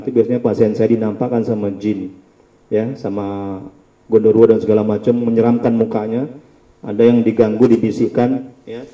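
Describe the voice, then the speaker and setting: A man leading a healing prayer session, giving calm instructions and chanting slow prayers, recorded from a distance in a room. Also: medium pitch. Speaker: ruqyah healer. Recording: roomy sound from a distance.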